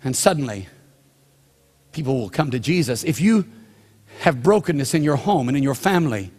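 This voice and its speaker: An older man, a pastor, preaching a sermon with a storytelling manner, drawn-out pauses and slowing down for emphasis. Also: mid-range voice, animated, a little mellow. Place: church sanctuary. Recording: long hall reverb of a church sanctuary.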